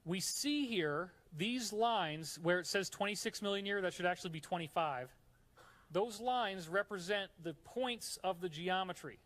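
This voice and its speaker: A man's voice: high voice, a little slow, fairly bright tone. A man from New York giving a live lecture with slides in a hot room, explaining eagerly and chatting to the audience between points. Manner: enthusiastic, chatty asides to the audience. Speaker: conference speaker.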